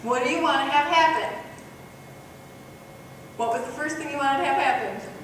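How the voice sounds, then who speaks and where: A woman giving a parenting workshop to a live group, animated, acting out parent and child voices. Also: high-pitched, normal speed, far from the mic, a little hiss or hum. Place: workshop room. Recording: echoey room recorded from afar.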